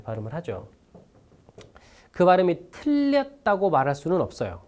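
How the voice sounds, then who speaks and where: A young man with a Korean accent giving a recorded lecture on English pronunciation for a speaking test. He explains step by step and models English words slowly, repeating them. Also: fairly high pitch, darkish tone.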